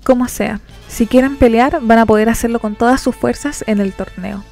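A woman voicing a commanding, cold young girl who gives stern orders in a storybook reading, her tone a bit gravelly. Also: a little high, moderate pace, a little mellow, soft background music.

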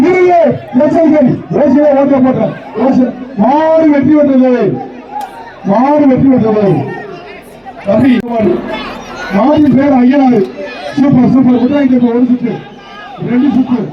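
Man shouting through an echoing outdoor PA. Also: very high-pitched. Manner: shouted rapid-fire calls, repeats words. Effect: heard through a public address loudspeaker. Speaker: bull-taming event announcer. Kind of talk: live event commentary over loudspeaker. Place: outdoor arena with a crowd. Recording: distant echoey loudspeaker, muffled, crowd noise.

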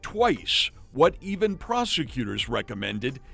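A man narrating a television news report in a measured broadcast delivery. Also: medium pitch, very animated, gravelly, a bit bright, breathy edge, soft background music.

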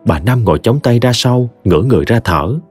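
A man's voice: mid-range voice, lively intonation, a little fast, a little mellow, husky. A man narrating a serialized story as an audiobook storyteller, reading expressively. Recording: dry close voice with faint music.

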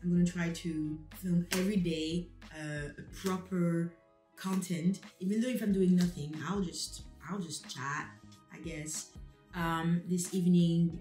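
A woman's voice: lowish voice, fairly even intonation, moderate pace, dark tone, roomy sound, faint music behind, poor audio. A young woman chatting casually to camera in a rambling, self-deprecating way, with many fillers. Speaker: vlogger. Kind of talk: casual vlog chat to camera.

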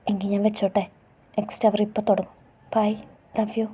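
A woman voicing a tearful young woman in love, soft and pleading. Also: medium pitch, level tone, brisk, breathy edge. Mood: subdued.

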